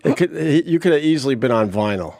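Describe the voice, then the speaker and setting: A man hosting a radio show, animated and enthusiastic, laughing often. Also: mid-range voice, quick pace, creaky, no room sound. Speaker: radio host. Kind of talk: casual chat.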